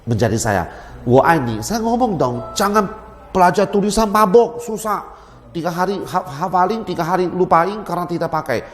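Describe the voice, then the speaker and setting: Guy teacher talking in an interview, lively, repeats stuff for emphasis, echoey room. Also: high voice, normal speed, soft background music. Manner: animated, repeats words for emphasis. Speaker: Mandarin teacher and school head. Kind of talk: explaining in an interview. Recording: roomy with long reverb.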